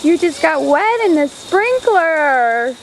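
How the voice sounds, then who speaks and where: Woman, home camcorder recording outdoors: mother chatting to her toddler, high, slow, lilting, faint hiss. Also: big pitch swings, low-quality recording. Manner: sing-song talk to a toddler. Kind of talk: home video. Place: outdoors in a garden.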